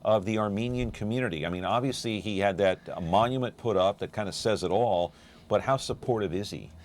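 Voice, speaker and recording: Man, talk show host, low pitch, brisk questions, local TV studio. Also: slight background noise. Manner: brisk, reads viewer emails aloud. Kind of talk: local TV interview.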